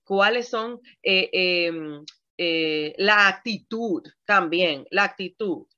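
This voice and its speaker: Animated woman pastor with a bright voice, a bit lo-fi, talks to her congregation directly. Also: fairly low pitch, slow pace. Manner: animated, acts out examples with shifting tones; addresses the audience directly, laughs often. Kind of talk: sermon on communication.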